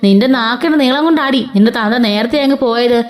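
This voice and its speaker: A woman voicing a sharp-tongued older mother-in-law who taunts and insults. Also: on the high side, fast talker, close to an everyday voice. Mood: scornful.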